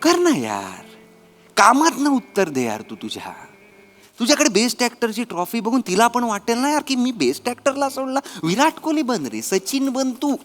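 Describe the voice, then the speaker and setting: A man's voice: very high voice, very animated, moderate pace, music in the background. A man acting as an exasperated director in a comedy skit, alternately scolding and coaxing. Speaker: comedy sketch actor playing a director.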